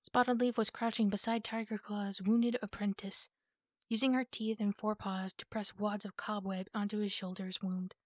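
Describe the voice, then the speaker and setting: A woman reading a children's animal novel aloud in a calm, measured soft ASMR style, close to the mic. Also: mid-range voice, dry recording. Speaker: audiobook reader.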